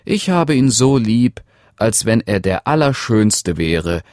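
A man's voice: fairly low pitch, sing-song, slow pace, a little mellow, dry recording, studio quality, voice pushed up. A man voicing a devoted young princess defending her husband in a storybook reading.

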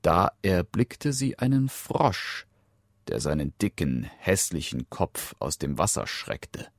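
A man reads a fairy tale with a low voice that rises and falls widely. He takes his time over every line. The sound is dry and close to the mic, with no room around it. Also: no room sound. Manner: slow, expressive storytelling. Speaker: storyteller.

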